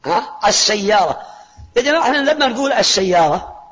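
A male teacher giving a grammar lesson to students, repeating key terms and prodding them with quick questions. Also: high-pitched, lively intonation, a bit bright, long reverb tail, muffled recording.

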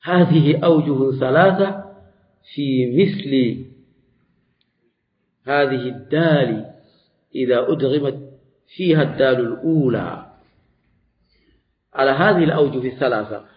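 Slow-explaining male grammar teacher, lo-fi. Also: mid-range voice. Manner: slow, deliberate explaining with many restarts. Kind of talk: classical Arabic morphology lesson. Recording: dull lo-fi recording.

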